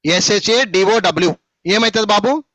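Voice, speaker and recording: A man's voice: high-pitched, moderate pace, fairly bright tone. A man with a Telugu accent teaching a spoken English phonics class, teasing and scolding his students as he quizzes them again and again.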